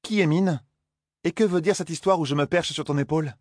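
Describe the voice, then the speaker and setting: A man puts on a defiant young woman in this storybook reading, pitched well above his own voice. She is quick-tongued and challenging, firing off pointed questions. The sound is husky and close, with no room around it. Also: dry recording, natural voice.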